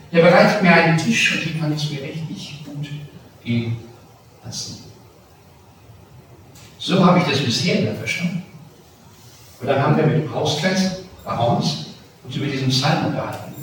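German pastor preaching in an echoey church. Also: male voice, mid-range voice, distant mic, a little hiss or hum. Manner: lively preaching with slow, stressed phrases and sudden swells in volume. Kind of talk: sermon. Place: large church hall.

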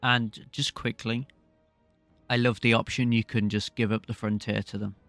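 A man's voice: mid-range voice, little pitch movement, normal speed, a bit bright, no echo, faint music behind. A man co-hosting a casual gaming podcast, thinking aloud in a rambling way. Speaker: podcast co-host.

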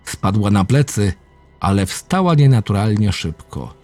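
A man reading a first-person horror story aloud, low and intense with dramatic swings. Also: animated, unhurried, darkish tone. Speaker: narrator. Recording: faint music behind the voice.

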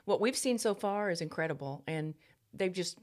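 A woman's voice: on the low side, animated, moderate pace. A woman co-hosting a casual podcast, chatting and agreeing with her partner. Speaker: podcast co-host. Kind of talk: casual chat.

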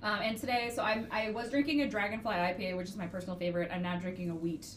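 A young woman chats casually as a podcast co-host, in a middle-pitched, easygoing voice. The recording is echoey, with a slight hiss underneath. She explains things in a loose way with plenty of fillers. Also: little pitch movement, very fast. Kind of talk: casual chat. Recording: echoey room.

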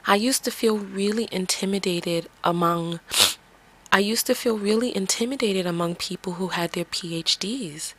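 A woman's voice: medium pitch, normal speed, background noise. A woman from the Bronx with a slight New York accent, hosting a reflective solo podcast and coaching listeners through rhetorical questions. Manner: earnest, coaching, asks many rhetorical questions. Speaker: podcast host.

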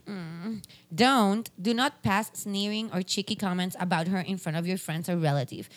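A woman's voice: mid-range voice, measured pace. A young adult woman, chatting casually on a podcast, reading items aloud and joking. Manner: reads list items aloud, then jokes and laughs. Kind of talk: casual chat.

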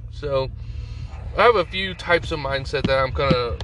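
A man's voice: mid-range voice, moderate pace, over music, low-quality recording. A man hosting a podcast, talking casually and working loosely from his notes. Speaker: podcast host.

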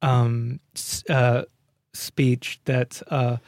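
A man's voice: mid-range voice, level tone, drawn-out words, darkish tone, no room sound, studio quality. A man co-hosting a casual film-review podcast, rambling and laughing often, with the odd swear word. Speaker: podcast co-host.

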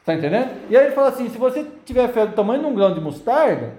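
A man's voice: extremely high pitch, very animated, very fast, dark tone, roomy sound. A man preaching a sermon and telling his own story, acting out the voices of demons and people. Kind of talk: sermon testimony.

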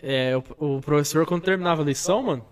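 Slangy young Brazilian man, slightly high. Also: quick pace, smooth, big-room sound. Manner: slangy, calls everyone "mano", enthusiastic. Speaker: YouTuber. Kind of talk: casual chat.

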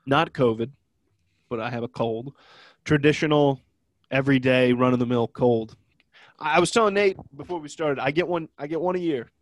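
A young man from Ohio co-hosts a podcast, congested from a cold that leaves him sounding nasal and stuffy, in loose, rambling, joking chat. His voice is medium-pitched at a moderate pace, and the recording is dry with clean studio sound.

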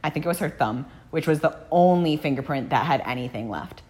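A woman's voice: deep voice, animated, fairly quick, darkish tone. A woman hosting a true crime podcast, telling the case in a casual, blunt way with frequent swearing. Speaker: podcast host.

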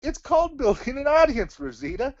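A man plays a desperately upbeat kids' show host in a comic puppet skit. The voice is high and swoops widely, on a dry recording. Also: expressive, brisk, dry recording, muffled recording. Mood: insistent. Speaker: podcast host.

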